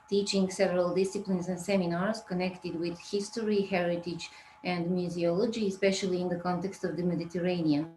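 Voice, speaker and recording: A woman's voice: fairly low pitch, mellow, reverberant, slight background noise, rough recording. A woman moderating an event, formally introducing the next speaker as if reading from notes.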